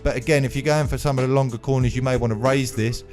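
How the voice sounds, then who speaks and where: A man's voice: medium pitch, steady tone, quick pace, darkish tone. A man hosting a gaming tutorial voice-over in a casual way, his speech slightly numb-mouthed as if after dental anaesthetic. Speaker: video game channel host. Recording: music playing behind the voice. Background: music.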